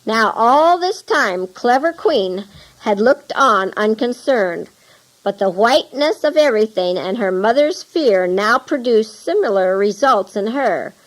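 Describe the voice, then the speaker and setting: A woman reading a true mission story aloud in calm, measured storytelling narration. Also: medium pitch, low-quality recording. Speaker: audiobook reader.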